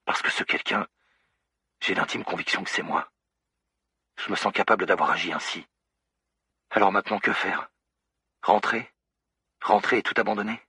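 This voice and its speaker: A man voicing a lost, amnesiac young woman recording a halting, introspective voice diary in an audiobook. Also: fairly low pitch, bright, forceful tone, husky, no room sound, clean studio sound, pitched above the performer's own voice, full character voice. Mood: anxious, despairing. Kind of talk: audiobook character voice.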